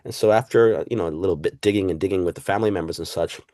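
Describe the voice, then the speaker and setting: Racing along in a low, warm voice, a Puerto Rican guest historian reflects during a casual interview, scattering fillers, asides and "right?" through his talk. The sound is clean studio audio with a dry quality.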